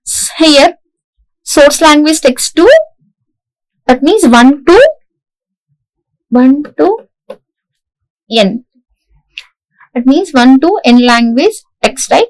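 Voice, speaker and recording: A woman's voice: high voice, expressive, drawn-out words, long pauses, rough recording. A woman lecturer with an Indian English accent, explaining a lesson in a classroom style and often checking in with "right?". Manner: repeats "right?" to check understanding, frequent restarts.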